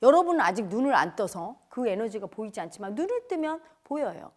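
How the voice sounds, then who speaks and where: High, lively-voiced woman preaching. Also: brisk. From Cheongju area, South Korea. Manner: dramatic storytelling, swinging between loud outbursts and hushed near-whispers. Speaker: spiritual teacher. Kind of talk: emotional spiritual lecture.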